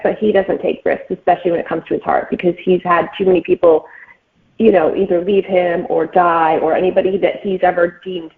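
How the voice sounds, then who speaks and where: Heard through thin, band-limited call audio, a woman with a fairly low voice appears as an author in a relaxed interview. She explains things informally, dropping in filler phrases often.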